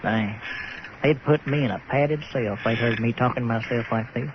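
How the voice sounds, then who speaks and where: In an old-time radio comedy, an actor voices an excitable, folksy manure hauler with a Southern American accent, grumbling, stammering, and drawling as he goes. The male voice sounds natural, mid-range, and at normal speed, heard through muffled radio audio with faint noise.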